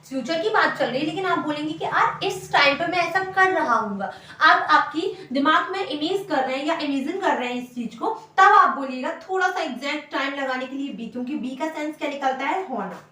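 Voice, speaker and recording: A woman's voice: high voice, lively intonation, brisk, bright, forceful tone, far from the mic. A woman teaching an English grammar lesson, explaining patiently and repeating every example sentence. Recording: echoey room, voice from afar.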